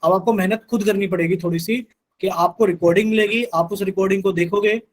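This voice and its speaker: A man's voice: high-pitched, fairly even intonation, fast talker, poor audio. A man teaching a live online math class, patiently repeating instructions to his students.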